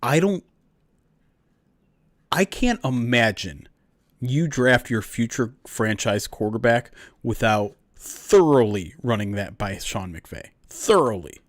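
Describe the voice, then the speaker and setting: A man's voice: mid-range voice, very animated, takes it slowly, no room sound, clean studio sound. A man co-hosting a casual sports podcast, talking bluntly and with emphasis. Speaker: podcast co-host.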